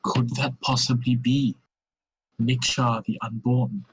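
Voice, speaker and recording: A man's voice: medium pitch, little pitch movement, takes it slowly, breathy edge, rough recording. A man playing a tabletop game, talking casually with friends. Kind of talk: casual chat.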